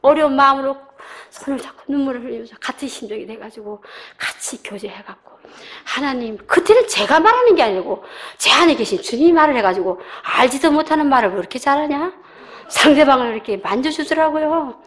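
A middle-aged woman shares her church testimony in a slightly high voice. She tells her story with animated energy, acting out other people's voices and laughing along the way. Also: fairly quick. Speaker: church member giving testimony. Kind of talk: personal testimony.

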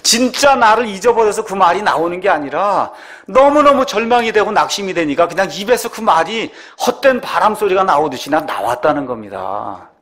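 A man's voice: high voice, big pitch swings, fairly quick, few pauses, a bit bright. A middle-aged male pastor preaching a sermon, asking rhetorical questions and acting out pleading prayers. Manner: emphatic preaching, rhetorical questions, acts out laments.

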